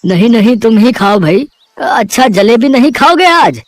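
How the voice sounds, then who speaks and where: A woman voicing a kindly, principled middle-aged jalebi seller in a cartoon, with a gentle, fatherly way of talking. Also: fairly high pitch, lively intonation, moderate pace, dry recording, close to an everyday voice. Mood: affectionate. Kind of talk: cartoon voice acting.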